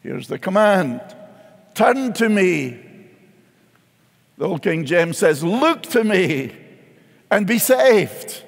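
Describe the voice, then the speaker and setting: A man's voice: high-pitched, very animated, slow, gravelly, long pauses. A man pastor preaching a sermon with passion, repeating key phrases. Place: large church sanctuary. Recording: long church reverb.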